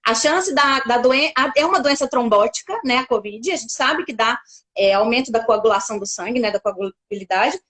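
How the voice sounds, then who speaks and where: Brazilian woman doctor, high voice, patient and explanatory, restarts a lot. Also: a little fast, fairly bright tone. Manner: explains carefully, with many fillers and restarts. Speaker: pediatric doctor. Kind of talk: casual explanatory interview.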